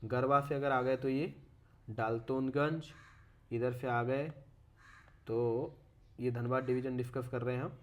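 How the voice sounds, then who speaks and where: A man's voice: medium pitch, little pitch movement, measured pace, long pauses. Male explainer, casual and chatty, repeats "okay" between points, catches and fixes his own slips, calls the viewer "brother.". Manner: keeps saying "okay" and corrects his own pronunciation. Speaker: educational video creator. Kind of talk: casual walkthrough of a map.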